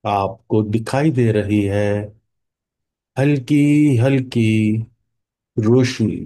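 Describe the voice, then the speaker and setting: In a mellow, relaxed voice of medium pitch, an Indian man guides a meditation extremely slowly. He uses short, calming phrases, hushed and separated by long pauses.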